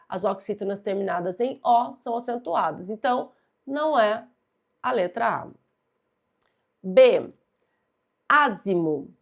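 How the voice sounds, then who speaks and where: A young adult woman teaching a grammar lesson, patient and methodical, stressing key words and speaking straight to the student. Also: medium pitch. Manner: talks directly to the student. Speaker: Portuguese teacher. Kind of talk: exam-prep grammar lesson.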